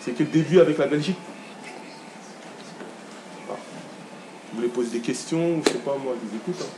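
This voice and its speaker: A man's voice: mid-range voice, fairly quick, warm tone, roomy sound, distant mic, slight background noise, low-quality recording. A young man in his twenties from France, a visiting footballer talking informally to kids with lots of fillers. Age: 20s. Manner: casual, hesitant, filler-heavy. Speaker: guest footballer.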